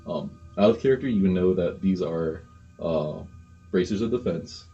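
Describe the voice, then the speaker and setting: A man's voice: low voice, moderate pace, mellow, muffled recording, faint music behind. A man narrating as game master of a tabletop game, in a hesitant manner. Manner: hesitant, full of ums and restarts.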